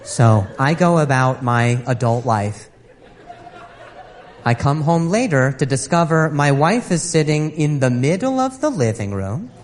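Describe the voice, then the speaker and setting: A man's voice: a little high, sing-song, a little slow, some chatter behind. A man doing a stand-up comedy routine, telling a story about his wife in an exasperated, sarcastic way.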